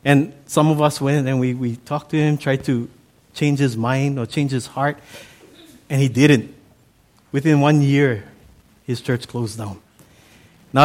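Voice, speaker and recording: Speaking at a medium pitch, a middle-aged man from Hawaii preaches as a pastor, keeping things relaxed, chatty and folksy. Pidgin is his first language, and he carries a Hawaiian accent.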